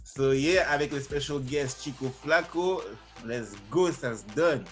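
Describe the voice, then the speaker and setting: Dude hosting a game chat, english slang everywhere, music low in the back. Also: male voice, measured pace, a bit bright. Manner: mixes English slang into French, hype-man energy. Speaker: host.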